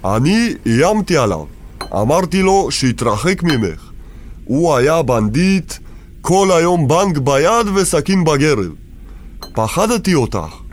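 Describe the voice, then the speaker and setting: A man's voice: a little high, very animated, slight background noise. An actor playing a stern, protective older immigrant father who speaks broken Hebrew, in a radio drama.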